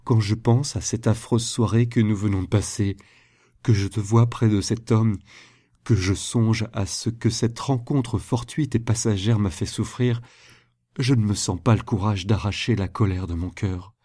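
A jealous, remorseful young lover from a storybook as a man reads him speaks in a low, dark voice. His delivery is emphatic and pleading, and it pushes louder than the narration. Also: a little slow.

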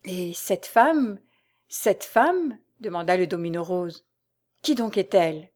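A woman's voice: fairly low pitch, expressive, slow pace, darkish tone. A woman voicing a jealous young masked woman at a ball, asking urgent questions. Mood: anxious.

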